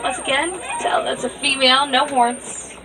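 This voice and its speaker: Upbeat lady safari guide doing live tour talk, high voice, people and crowd noise around her. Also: normal speed. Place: outdoors on a moving safari ride vehicle. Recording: distant mic, noisy open vehicle with passengers.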